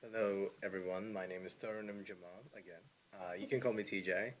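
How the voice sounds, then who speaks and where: A man's voice: sits low, steady tone, a little fast, slight background noise. A young man, a student guest in a casual roundtable chat, chatty and laughing easily. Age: young adult.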